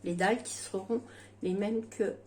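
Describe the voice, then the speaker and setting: A woman's voice: medium pitch, steady tone, normal speed, dark tone, reverberant, a little hiss or hum. A woman with slurred, toothless articulation from missing dentures, chatting casually and hesitantly through a home cooking demonstration, often breaking off mid-sentence. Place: at home in a kitchen.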